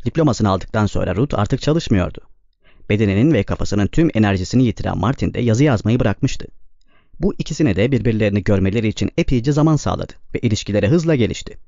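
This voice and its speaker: A man reading a novel aloud as narrator, with a steady, measured delivery, in a slightly dull, dry recording. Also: fairly low pitch, creaky, no echo. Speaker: audiobook narrator. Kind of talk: scripted narration.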